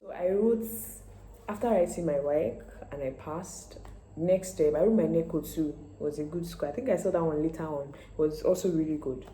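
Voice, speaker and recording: A Nigerian woman in her twenties telling a story in a casual vlog, animated and quick to laugh, acting out the people in it. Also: low voice, roomy sound, slight background noise, rough recording. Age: 20s. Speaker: medical student vlogger.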